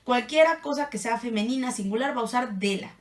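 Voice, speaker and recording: A woman's voice: a little high, quick pace, recorded from a distance. A woman teaching a casual online French lesson, chatty and playful. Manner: chatty and playful, laughs at her own asides. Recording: echoey room, voice set back from the mic.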